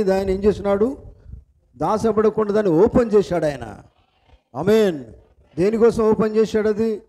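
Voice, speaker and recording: A man preaching with a high-pitched voice that still sounds mellow and soft-edged. He is a pastor with a Telugu accent who keeps putting questions to his congregation. His phrasing is repetitive and strongly emphatic. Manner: asks the congregation repeated questions. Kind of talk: sermon.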